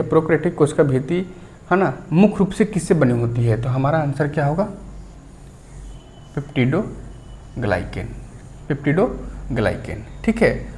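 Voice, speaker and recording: A man's voice: fairly high pitch, darkish tone. A man teaching a science lesson, explaining step by step, checking in with the listener and repeating key terms. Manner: clears throat now and then.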